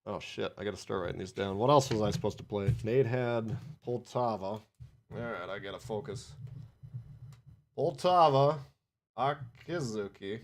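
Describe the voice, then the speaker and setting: A man with a Minnesota accent hosts a live gaming stream, chatting casually, cracking jokes and reading viewer comments aloud. His voice is on the low side and moves at a normal speed.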